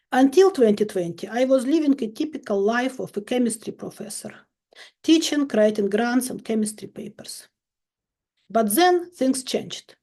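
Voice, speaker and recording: A woman in her fifties from Ukraine, a chemistry professor giving a measured, emphatic recorded lecture with dry irony. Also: fairly high pitch, a little mellow.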